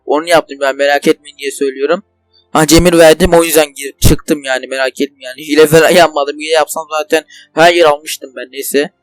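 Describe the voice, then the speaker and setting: High-voiced young man ranting over gameplay. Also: fairly even intonation, quick pace, no room sound, soft background music. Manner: rambling, swears and rants at the game in frustration. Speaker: gaming channel host. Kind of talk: casual let's play commentary. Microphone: desk microphone.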